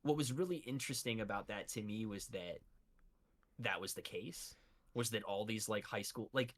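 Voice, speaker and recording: A man's voice: fairly low pitch, moderate pace. A man co-hosting a podcast in casual chat, joking and swearing as he talks. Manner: profane, joking banter. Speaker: podcast co-host.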